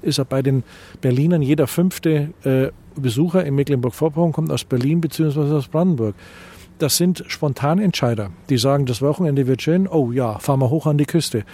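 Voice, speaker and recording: This Bavarian man, middle-aged and heading a tourism association, has a brisk, mellow, husky voice sitting on the high side. He fields interview questions hesitantly in a Bavarian accent, with many fillers and restarts.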